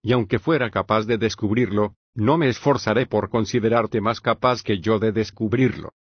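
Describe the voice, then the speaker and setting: A modest, agreeable young disciple, read by a man in an audiobook of a philosophical dialogue. His lines come out flat and level, with no change of voice. The sound is dry and a little dull. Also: on the low side, moderate pace, slightly rough, no room sound. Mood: conversing.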